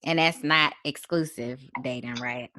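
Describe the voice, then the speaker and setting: A woman in her thirties hosting a casual podcast chat, relaxed and chatty with frequent ums. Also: rumbling low, unhurried, background noise. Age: 30s. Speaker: podcast host.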